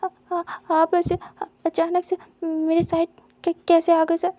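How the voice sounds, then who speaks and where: A woman's voice: very high voice, little pitch movement, normal speed, dark tone, no room sound. A woman voicing a timid, easily scared young male student who stammers and trips over his words. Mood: flustered.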